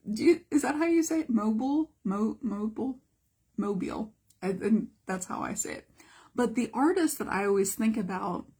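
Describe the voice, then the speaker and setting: Chatty breathy woman teaching art. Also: medium pitch, darkish tone. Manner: chatty, greets viewers as she talks. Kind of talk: live-streamed art lesson.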